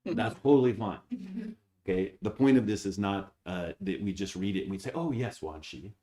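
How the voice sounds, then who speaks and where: Male abbot, Dharma talk. Low, dark voice, reads scripture slowly, then teaches with rhetorical questions. Echoey hall.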